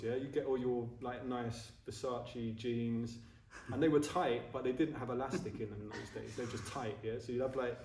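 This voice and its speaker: A man's voice: mid-range voice, darkish tone. Forties guy chatting about buddhism to a group, keeps saying yeah?, sounds far off in a big echoey room with faint background hum. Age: 40s. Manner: chatty and self-mocking, keeps checking in with "yeah?". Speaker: ordained Buddhist speaker giving a talk. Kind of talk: informal dharma talk to a group. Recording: roomy echo, voice from a distance.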